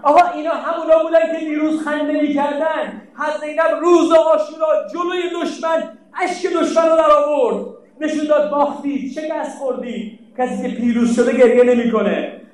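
A man's voice: very high-pitched, steady tone. A man preaching an impassioned mourning sermon, rising to cries and chanting an elegy, in a large echoing hall. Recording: very echoey from far off.

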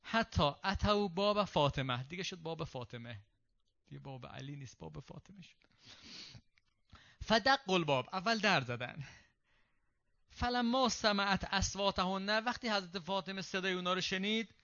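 A man giving a religious lecture, reading Arabic passages and explaining them in casual spoken Persian, with quick asides to his listeners. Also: sits high, expressive, sharp tone. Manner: quick, conversational asides to the audience. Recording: dull lo-fi recording.

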